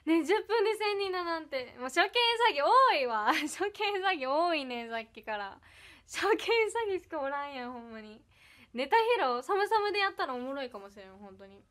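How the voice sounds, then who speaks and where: Young woman, Iyo dialect with Kansai touches, high and bright, bubbly livestream chatter. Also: sing-song, normal speed. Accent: Iyo dialect with some Kansai. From Ehime, Japan. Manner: bubbly, giggly, thanks viewers one by one. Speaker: idol livestreamer. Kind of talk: casual livestream chat reading comments.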